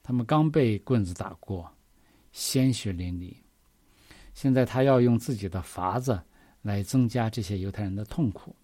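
A man's voice: on the low side, normal speed, warm tone, no room sound, studio quality. A man preaching a sermon, reading scripture verses and explaining them earnestly, often asking the listeners questions.

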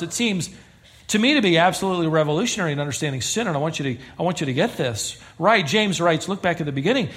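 A man with a high, slightly bright voice preaches to his congregation as a pastor. He speaks earnestly and emphatically, driving his points home with mounting intensity.

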